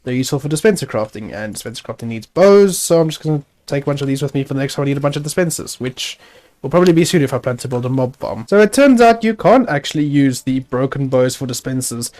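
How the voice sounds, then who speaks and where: A man's voice: mid-range voice, animated, fast, darkish tone. A man hosting a gaming video, giving casual gameplay commentary, chatty and self-narrating with wry asides.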